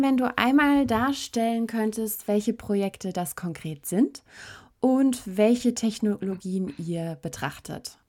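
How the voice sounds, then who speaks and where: A woman hosting a podcast, reading a clear, scripted introduction and questioning her guest. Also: mid-range voice, mellow. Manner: clear, read-out phrasing. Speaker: podcast host.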